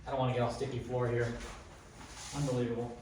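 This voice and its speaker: A man giving a casual, unscripted demonstration as host, talking in a halting way as he thinks aloud. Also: medium pitch, flat delivery, a little mellow. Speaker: craps tutorial host. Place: echoey indoor room. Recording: echoey room, distant mic, faint noise.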